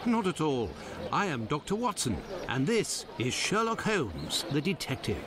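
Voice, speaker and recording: A man's voice: on the high side, wildly swooping pitch, unhurried, crowd noise. A man voicing an earnest, loyal doctor who assists a detective in a video game.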